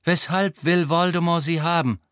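A man's voice: fairly high pitch, steady tone, normal speed, fairly bright tone, smooth, no room sound, clean studio sound, pitched above the performer's own voice, lightly acted. A man reading a bold teenage boy wizard in a raised, defiant voice.

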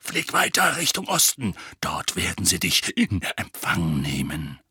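A man voicing a gruff, grizzled old male wizard soldier in an audiobook, barking curt orders slowly. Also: sits low, huge pitch swings, sharp tone, no room sound, studio quality, voice pushed down, exaggerated voice. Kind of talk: audiobook character voice.

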